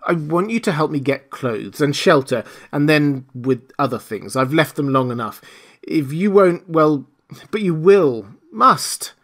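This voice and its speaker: A man's voice: a little high, lively intonation, measured pace, voice pushed up, heavily acted. A man voicing a desperate, commanding invisible man. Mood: urgent, commanding. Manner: urgent, forceful, threatening. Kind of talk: audiobook character reading.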